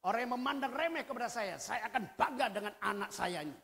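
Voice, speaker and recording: A man preaching, voicing a childless woman who loudly pleads with God for a son, in a reverberant hall. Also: sits high, animated, fast talker, creaky, exaggerated voice. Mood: defiant. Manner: loud, pleading, emphatic.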